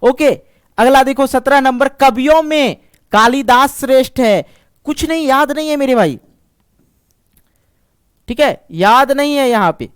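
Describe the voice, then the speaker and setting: Male Sanskrit tutor, high and clear, measured unhurried delivery, soothing coaching tone. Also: lively intonation, dry recording, clean studio sound. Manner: patient, reassuring, repeats words slowly. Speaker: Sanskrit teacher. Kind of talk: online exam-prep lesson.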